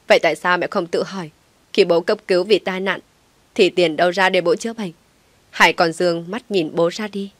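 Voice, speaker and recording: A woman's voice: on the low side, no echo, natural voice. A woman voicing a tearful pleading young woman. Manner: pleading, sobbing.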